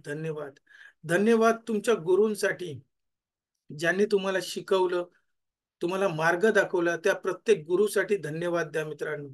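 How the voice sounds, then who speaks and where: Guy coaching a morning gratitude meditation, kinda high voice, says thanks over and over, fading quieter each time. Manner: repeats thanks softly, trailing off. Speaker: life coach.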